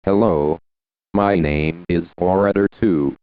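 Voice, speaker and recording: A man's voice: low voice, slow pace, no room sound. A male voice from an old speech synthesizer, robotic and stilted, giving a text-to-speech demonstration. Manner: stilted word-by-word machine delivery. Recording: muffled phone-like lo-fi audio.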